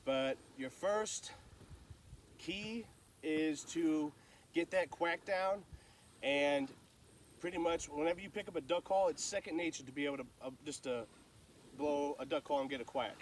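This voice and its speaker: A man's voice: fairly high pitch, measured pace, distant mic, slight background noise. A man giving casual, folksy, plain-spoken instruction as a hunter sharing calling tips.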